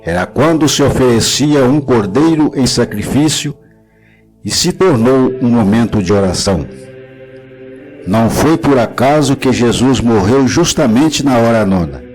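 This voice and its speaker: Slow, solemn man over soft music. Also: mid-range voice, animated, poor audio. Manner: solemn, measured reading of scripture. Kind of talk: slow scripted devotional narration.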